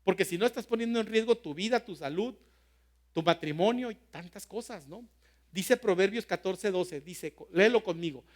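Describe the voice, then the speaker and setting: A man, preaching a sermon as pastor and often putting questions to the congregation. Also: high-pitched.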